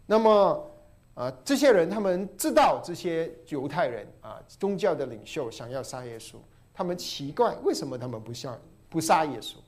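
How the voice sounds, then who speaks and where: A male preacher with a fairly high, very lively voice teaching through a passage. He repeats key phrases and swings from emphatic peaks down to soft, low murmurs. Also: normal speed. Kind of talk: sermon.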